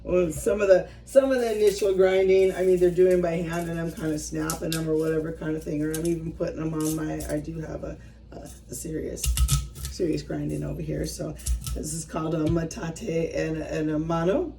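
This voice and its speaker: A woman vlogger in her fifties chats with viewers while working by hand, rambling, poking fun at herself, and often trailing off mid-thought. Her deep, gravelly voice is flat and a little fast, recorded from a distance with background noise.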